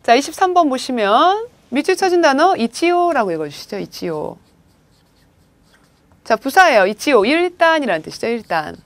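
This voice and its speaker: A Japanese language teacher gives a recorded video lecture on vocabulary, guiding students with frequent prompts and rhetorical questions. Her voice sits high and sing-song at a moderate pace, with no room sound.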